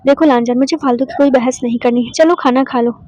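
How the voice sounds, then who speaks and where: A woman's voice: high-pitched, fairly even intonation, fast talker, darkish tone, dry recording, close to an everyday voice. A woman voicing a short-tempered, jealous young man who talks in an irritable, snapping way. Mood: irritated. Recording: dull, dry lo-fi voice recording.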